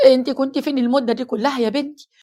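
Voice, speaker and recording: A woman's voice: high voice, steady tone, racing. A woman voicing a grieving, tearful Egyptian mother in an audio horror story. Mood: distraught. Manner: loud, tearful pleading. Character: grieving middle-aged Egyptian mother, loud and pleading.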